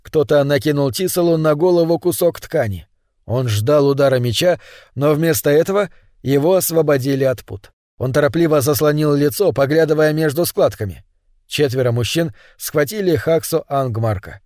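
A man reading an audiobook as narrator in an even storytelling manner. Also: fairly high pitch, normal speed, no room sound, clean studio sound.

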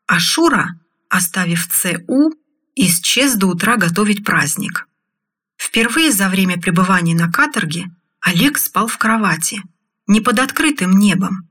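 A woman narrating an audiobook in a steady, even reading style. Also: mid-range voice, slightly rough.

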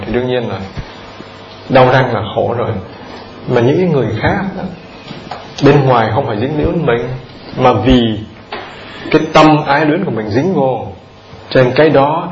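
A Buddhist monk giving a conversational dharma talk, repeating words and putting questions straight to his listeners. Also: mid-range voice. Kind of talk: dharma talk to a lay audience. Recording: roomy, dull lo-fi recording with audience.

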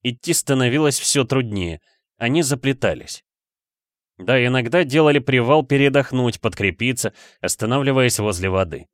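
A man reading a first-person story aloud in steady audiobook narration. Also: mid-range voice, moderate pace, dry recording, clean studio sound.

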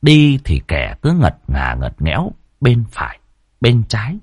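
A man narrating a ghost story in a lively, dramatic storytelling manner. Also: medium pitch, unhurried, breathy edge, no echo, studio quality.

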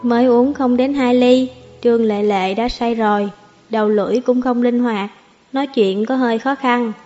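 Woman narrator, calm even storytelling, slightly high voice, faint background music. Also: normal speed, lo-fi sound. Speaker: audiobook narrator. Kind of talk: scripted novel narration.

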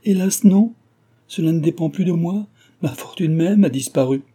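A man's voice: mid-range voice, normal speed, warm tone, breathy edge, pitched above the performer's own voice, lightly acted. A man voicing a distressed young heiress in a storybook reading, with an anguished, tearful delivery.

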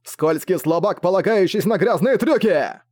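A man's voice: high voice, expressive, normal speed, darkish tone, voice pushed up. A man voicing a greedy, arrogant dragon mage in an audiobook, with a roaring, contemptuous manner.

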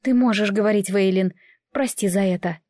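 A woman's voice: medium pitch, moderate pace, dark tone, no room sound, studio quality, close to an everyday voice. A woman reading an audiobook, voicing a protective, firm older sister.

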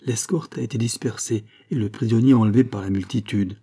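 A man's voice: lowish voice, a little fast, dark tone, husky. A man reading aloud, voicing a frightened male courier who delivers grim news in a raised, urgent voice. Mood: urgent, fearful.

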